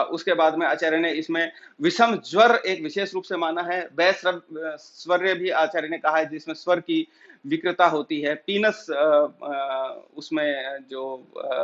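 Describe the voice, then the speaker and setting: A man teaching an exam-prep lecture. He explains slowly, asks his own questions and then answers them, with many pauses and filler sounds. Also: fairly high pitch, a bit bright, lo-fi sound. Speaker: Ayurveda teacher.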